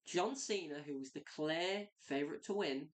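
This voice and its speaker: Woman, lowish voice, casual review, rambling, excitable, lots of fillers. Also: normal speed. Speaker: wrestling reviewer.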